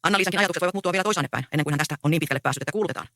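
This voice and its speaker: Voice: mid-range voice, pushed and bright, dry recording, clean studio sound. A reader voicing Mikko, a sly taunting peasant man. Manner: mocking, taunting.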